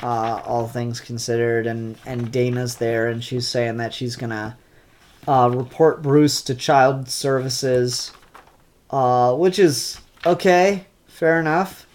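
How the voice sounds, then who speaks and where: The reviewer goes over new comic books in a relaxed, offhand manner, stumbling through ums and restarts with a congested, stuffed-up voice. His medium-pitched voice is steady and slow, with a darkish tone.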